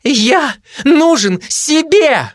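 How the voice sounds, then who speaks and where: A man's voice: very high-pitched, sing-song, extremely slow, dry recording, clean studio sound, voice pushed up, full character voice. A man voicing a frightened earless toy bunny in a storybook, crying out in panic. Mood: panicked. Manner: panicked cries.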